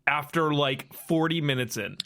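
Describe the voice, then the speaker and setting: A man's voice: a little high, moderate pace, creaky, a bit bright. A man co-hosting a casual film review podcast, laughing often and acting out lines in silly voices. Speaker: podcast co-host.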